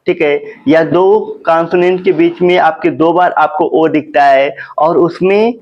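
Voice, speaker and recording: A male teacher giving a phonics lesson, repeating words slowly and asking questions to the class. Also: fairly high pitch, highs cut off. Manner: slow, repetitive, drawn-out teaching.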